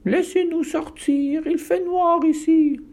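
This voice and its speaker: A man's voice: on the high side, wildly swooping pitch, measured pace, warm tone, full character voice. A man voicing a small whining wolf cub who whimpers. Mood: whimpering. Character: whiny little wolf cub.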